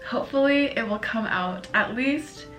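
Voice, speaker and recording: A woman in her twenties chatting casually while she eats, upbeat and full of "like", with a fairly deep voice for her age. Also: moderate pace, a bit bright, echoey room, soft background music. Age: 20s. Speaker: vlogger. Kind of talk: casual chat while eating. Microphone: compact camera.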